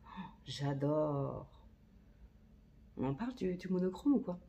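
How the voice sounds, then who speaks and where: A woman's voice: fairly low pitch, big pitch swings, quick pace, dark tone, lo-fi sound, slight background noise. A woman chatting casually while filming a makeup tutorial on her phone, slangy and talking to herself as she works. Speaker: beauty vlogger. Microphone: phone camera.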